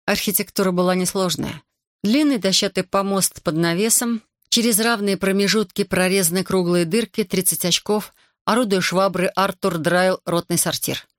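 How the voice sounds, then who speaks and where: Expressive audiobook narrator, dry close sound. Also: mid-range voice, normal speed, no room sound. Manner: expressive storytelling.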